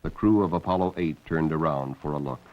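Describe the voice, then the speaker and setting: A man's voice: rumbling low, fairly quick, slight background noise. A man reading scripted documentary narration as on an old film soundtrack. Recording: dull band-limited old film soundtrack.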